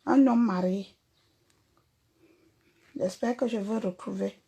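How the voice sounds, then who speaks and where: A woman's voice: medium pitch, slow pace, creaky, dark tone, breathy edge. A woman singer with a Cameroonian French accent, talking bluntly and confrontationally to viewers in a livestream rant. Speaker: singer and performer.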